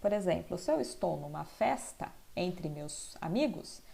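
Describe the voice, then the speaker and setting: A woman's voice: lowish voice, lively intonation, a little slow, creaky, warm tone. A woman teacher explaining a school lesson, often checking in with tag questions.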